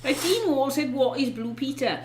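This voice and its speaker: A middle-aged woman speaks in a high-pitched voice. She chats casually as a co-host and reads out comments from viewers. The recording has a clearly echoey, roomy sound. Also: animated, normal speed, slight background noise. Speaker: co-host of an online show.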